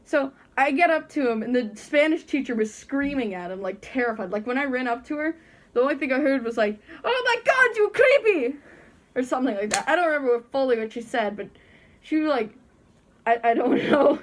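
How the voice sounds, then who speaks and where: A teenage girl chats through a funny story in her warm bedroom, her voice sitting a little high. She giggles often and jumps into the voices of the people she describes. The sound is muffled by the costume head she has on. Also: brisk. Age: teens. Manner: giggly, chatty, acts out quoted voices. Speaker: vlogger. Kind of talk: casual storytelling.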